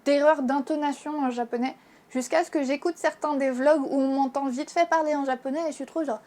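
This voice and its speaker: A young woman with a French accent talks straight to her viewers in a relaxed, chatty lesson. Her voice sits high, and she speaks frankly, with plenty of little fillers and restarts. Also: fairly quick. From France. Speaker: Japanese teacher and YouTuber. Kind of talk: casual video lesson.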